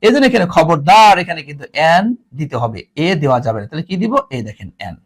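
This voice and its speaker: A man's voice: fairly high pitch, big pitch swings, fast talker, a little hiss or hum. A man teaching an English grammar lesson to students, mixing English and Bengali with a Bangladeshi Bengali accent and teasing the class.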